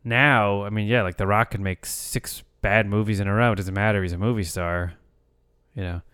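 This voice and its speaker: A man co-hosting a podcast, chatting casually about movies in a relaxed, musing way. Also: on the low side, normal speed, clear, resonant tone, dry recording, studio quality. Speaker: podcast co-host.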